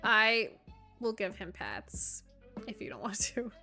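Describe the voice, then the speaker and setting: Bright-voiced young woman cooing at her dog. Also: mid-range voice, very animated, slow pace, creaky, soft background music. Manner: laughs often, coos praise at her dog. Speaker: live streamer. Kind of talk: casual stream chat. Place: at home. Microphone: desk streaming mic.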